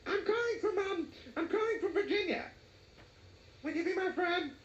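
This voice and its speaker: A man voicing a simple-minded, childlike 48-year-old man who talks in a high, innocent, eager way. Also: moderate pace, fairly bright tone, echoey room, highs cut off, slight background noise. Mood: nervous, eager.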